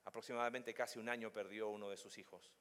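A man preaching a sermon as pastor, moving between quiet, low reflection and loud, high emphasis, and putting questions straight to his listeners. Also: steady tone, fast talker. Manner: addresses listeners directly with questions. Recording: long hall reverb.

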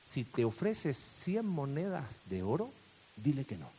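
A man voicing a calm old sage who gives instructions in a story. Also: medium pitch, measured pace, slight background noise.

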